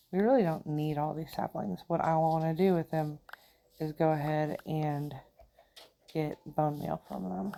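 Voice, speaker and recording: A middle-aged woman with a Southern US country accent chats and giggles to herself while playing a game, giving casual gameplay commentary. Her low voice is slow, creaky, and warm, with a little hiss or hum in the audio.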